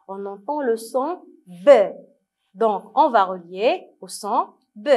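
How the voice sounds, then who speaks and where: A woman teacher with a Moroccan accent, slowly sounding out words and syllables for young children to repeat. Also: a little high. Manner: slow, clearly syllabled, repeating words for children to read along. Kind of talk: French lesson for young children.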